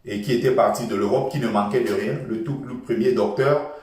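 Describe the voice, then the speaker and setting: A man's voice: lowish voice, a little fast, a little mellow. A man giving an impassioned, repetitive political monologue, lecturing his listeners. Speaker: political commentator. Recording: echoey room from far off.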